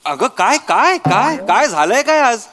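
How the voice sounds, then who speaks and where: A man's voice: extremely high pitch, sing-song, unhurried, heavily acted. A man playing a harried young husband caught between his wife and his mother, exasperated and preachy, with a Marathi accent. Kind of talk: sketch comedy acting.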